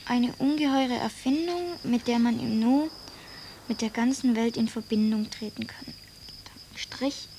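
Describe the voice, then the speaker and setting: Precocious young Jules Verne, high-voiced. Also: female voice, warm tone, a little hiss or hum, low-quality recording. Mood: earnest, self-important. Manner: slow, deliberate dictation, speaking punctuation aloud. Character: precocious, earnest young boy dictating letters to his parents. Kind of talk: German radio play acting.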